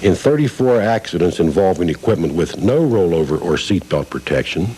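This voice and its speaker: Deep-voiced man narrating off worn tape. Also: lively intonation, dark tone, poor audio. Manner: measured, formal reading. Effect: worn VHS tape copy with faint hiss and hum. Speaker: safety video narrator. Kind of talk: scripted narration.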